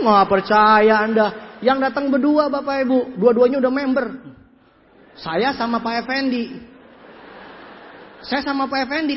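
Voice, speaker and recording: High-voiced man talking in an echoey hall. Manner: animated, mimics people in his anecdotes, repeats words for emphasis. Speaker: motivational business speaker. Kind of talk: lively storytelling seminar talk. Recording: echoey hall, muffled lo-fi sound.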